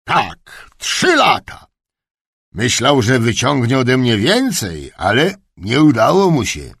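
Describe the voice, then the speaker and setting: A man doing a booming, blustering old duke. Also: sing-song, slow, breathy edge, no echo, studio quality, full character voice. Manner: booming, shouting. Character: grumpy old male duke, blustering, half-deaf.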